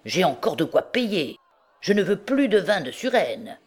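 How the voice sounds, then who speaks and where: A woman's voice: fairly low pitch, sing-song, unhurried, darkish tone, slightly rough, voice pushed up, heavily acted. A woman voicing a rowdy, boastful drunken young male student in an audiobook, exclaiming and laughing. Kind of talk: audiobook character reading.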